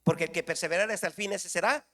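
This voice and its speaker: A middle-aged man preaching a sermon in a high, bright voice. He is animated, bursts into shouted exclamations and keeps turning questions back on the congregation. His tone is forceful and lively. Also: racing, in a large hall. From Mexico.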